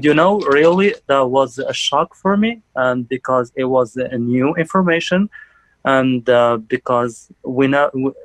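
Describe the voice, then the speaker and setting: Young man from Algeria, church testimony, halting delivery with fillers, dry close sound. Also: medium pitch, dry recording, poor audio. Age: young adult. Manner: halting, many fillers and restarts. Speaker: church member giving testimony. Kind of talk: personal testimony.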